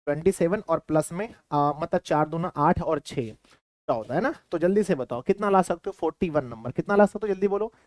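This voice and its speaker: A man's voice: fairly high pitch, darkish tone, dry recording. A man with a Bihari Hindi accent teaching a class, repeating himself and quizzing his students. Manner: repetitive, keeps quizzing students. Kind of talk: classroom lecture.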